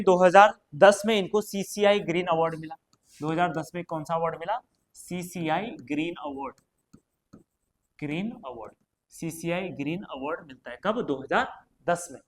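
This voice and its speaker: A man from Uttarakhand, India, whose voice is high and a bit bright, conducts an exam prep session. Chatty and direct with students, he quizzes them and repeats both question and answer each time.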